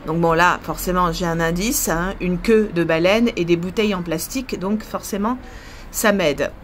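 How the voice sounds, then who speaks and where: A woman's voice: fairly low pitch, normal speed, a little hiss or hum. A woman with a French accent, a language teacher thinking aloud in a casual vlog, hesitant and full of fillers.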